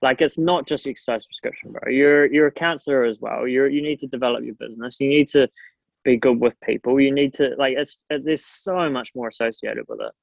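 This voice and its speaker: Young male, broad Kiwi accent, mid-pitched, earnest and slangy interview guest. Dry, slightly muffled sound. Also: fairly quick, creaky, dry recording. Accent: broad New Zealand. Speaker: strength and conditioning coach, guest. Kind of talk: casual interview chat.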